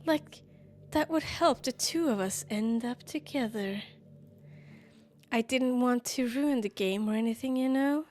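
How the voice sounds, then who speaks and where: Lovestruck self-aware game girl, soft and earnest, slightly high voice, read aloud by a woman. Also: measured pace, a little hiss or hum, lightly acted. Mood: affectionate. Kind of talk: reading game dialogue aloud.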